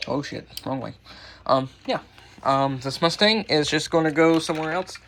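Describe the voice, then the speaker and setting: A radio collector hosts a casual show-and-tell, his voice a little high and fairly bright at a moderate pace. He rambles, mutters asides and swears mildly while weather radios play in the background.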